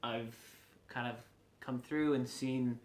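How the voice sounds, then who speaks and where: A man in his late twenties with a west of Ireland accent, answering casually in an interview with frequent pauses. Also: mid-range voice, steady tone. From Galway, west of Ireland. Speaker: lacrosse player being interviewed. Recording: echoey room with faint background noise.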